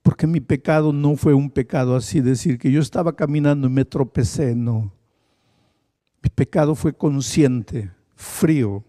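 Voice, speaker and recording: A male pastor voicing a grieving, guilt-ridden paralyzed woman in a low, subdued tone. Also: measured pace, mellow, big-room sound, lightly acted. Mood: despairing.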